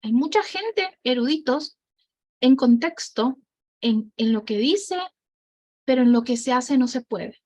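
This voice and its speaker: A woman's voice: high voice, unhurried, darkish tone, dry recording. A woman facilitating an online group discussion on parenting over a video call, encouraging others to speak.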